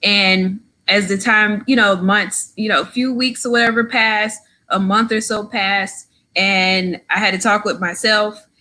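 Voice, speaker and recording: Telling her story as a podcast guest, a thirty-something Florida woman keeps it chatty and casual, leaning on "like" and "right?". She has a medium pitch, a steady tone, and a measured pace, with a pushed, bright quality.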